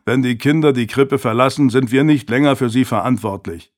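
A man's voice: mid-range voice, brisk, lightly acted. A man voicing a stern, reproachful older merchant uncle in an audiobook reading. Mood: cold. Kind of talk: audiobook character voice.

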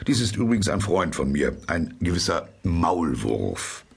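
A man's voice: low voice, sing-song, a little slow, vocal fry, breathy edge, full character voice. A man voicing a friendly, easygoing male water rat in a storybook reading, with a hearty, inviting manner.

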